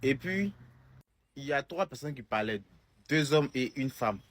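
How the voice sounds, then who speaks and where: A man's voice: mid-range voice, lively intonation, measured pace, no room sound. A young man with an Ivorian French accent, answering a comment in a casual video. He talks with emphasis and often repeats or restarts phrases. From Côte d'Ivoire. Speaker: content creator.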